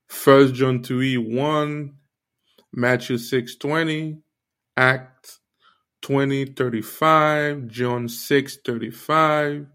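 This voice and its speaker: Hosting his own casual faith podcast, a Haitian-born man speaks directly and earnestly to listeners in a preachy style, peppering his talk with "you know" and "like." His voice sits at an ordinary middle pitch and sounds a bit bright.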